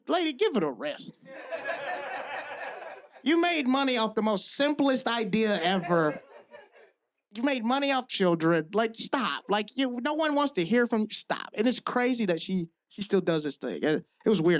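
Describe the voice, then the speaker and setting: A man from the American South performing live stand-up comedy on a club stage, loose and profane, rising to shouts on punchlines. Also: high voice, animated, moderate pace.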